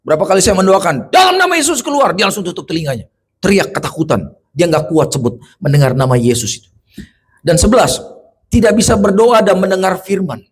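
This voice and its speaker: A male pastor delivering an animated sermon, speaking straight to the congregation. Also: high-pitched, fairly quick, husky. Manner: animated preaching, addressing the congregation directly.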